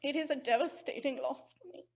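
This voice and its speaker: A middle-aged woman from Sri Lanka, giving an earnest, heartfelt memorial eulogy at a measured pace. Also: sits high, gravelly, darkish tone.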